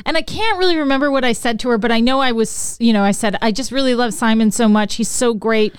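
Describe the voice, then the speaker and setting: An American woman in her fifties telling a personal story in casual podcast chat, animated and laughing often. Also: on the high side, fast, clear, resonant tone, no echo, studio quality.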